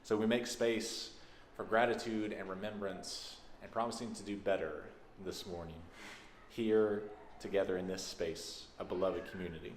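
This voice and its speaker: A minister from Texas gives the congregation a casual, folksy welcome, his voice sitting low and steady at a moderate pace. He is speaking indoors in a large church sanctuary, and the recording is echoey with background noise.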